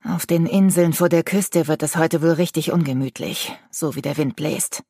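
A woman reading an audiobook voices a gruff middle-aged male driver who grumbles slowly. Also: on the high side, fairly even intonation, mellow, no room sound, clean studio sound. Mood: grumbling.

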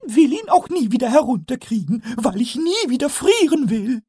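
A man voicing a cheeky, gleeful little male kobold in a storybook reading, with a squeaky, singsong, drawn-out way of talking. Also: big pitch swings, dark tone, husky, no echo, clean studio sound, heavily acted.

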